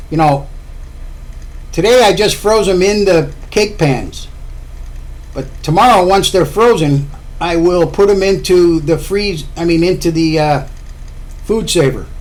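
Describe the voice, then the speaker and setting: A man talking casually to camera about his home cooking, rambling and repeating himself as he explains. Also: fairly high pitch. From Florida.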